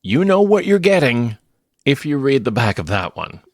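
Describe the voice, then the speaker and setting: A man's voice: medium pitch, very animated, normal speed, no room sound, clean studio sound. A man co-hosting a film podcast, ranting in mock outrage with a dramatic, joking delivery. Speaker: podcast co-host. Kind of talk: casual film review chat.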